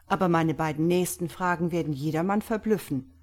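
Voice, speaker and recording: A brisk male doctor fires off pointed questions, his patience wearing thin, as a woman puts him on. The voice is sharp and pushy and quick to anger. It sounds like a storybook skeptic losing his temper. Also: on the low side, natural voice. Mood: impatient.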